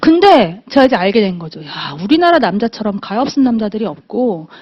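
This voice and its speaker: A woman's voice: fairly high pitch, husky. Lo-fi middle-aged woman, emotional storyteller. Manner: emotional storytelling, acting out quoted dialogue. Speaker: motivational speaker. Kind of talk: testimonial speech to an audience. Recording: dull lo-fi audio.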